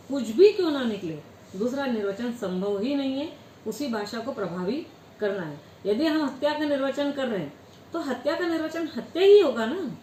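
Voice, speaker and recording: A woman's voice: fairly high pitch, slight background noise. A woman giving a Hindi law lecture, asking questions and answering them herself. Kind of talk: classroom lecture. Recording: echoey room with faint ambience.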